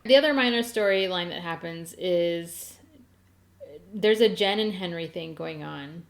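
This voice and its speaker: A woman's voice: on the low side, a little slow, creaky. Chatty woman podcast host, casual recap. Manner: chatty and conversational, full of 'like' and 'or whatever'. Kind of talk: casual chat recapping a teen drama.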